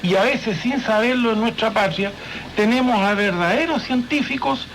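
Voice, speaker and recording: High, gravelly man, explaining. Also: normal speed, a bit bright, slight background noise. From Chile. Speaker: guest. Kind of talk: radio interview.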